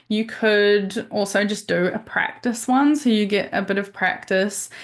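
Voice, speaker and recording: A woman's voice: medium pitch, vocal fry. A woman podcast host giving a casual webinar over a video call, chatty and upbeat, with plenty of fillers and restarts.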